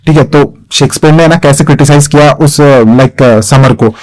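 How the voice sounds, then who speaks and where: A man's voice: a little high, moderate pace, darkish tone, low-quality recording. A young man talks through an exam-prep lesson with a slightly raised voice. He often poses a question and then answers it himself. His delivery is patient and repetitive. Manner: repeats key points as questions and answers them. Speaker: teacher.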